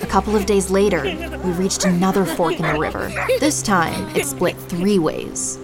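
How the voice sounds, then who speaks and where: A woman's voice: medium pitch, moderate pace, creaky, over loud music, lightly acted. A woman playing a young girl adventurer who narrates her journey reflectively in an audio drama. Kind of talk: scripted first-person story narration.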